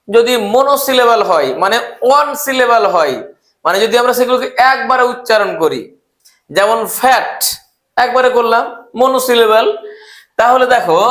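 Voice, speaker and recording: A man's voice: extremely high pitch, bright, forceful tone, reverberant, rough recording. A man teaching an English grammar lesson, spelling words out letter by letter and asking his students questions as he goes.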